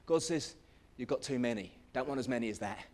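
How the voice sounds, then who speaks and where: A man with a Welsh accent preaching a sermon as pastor, telling the story with acted-out voices, swinging from hushed to shouting. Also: medium pitch, animated, fairly quick. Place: church hall.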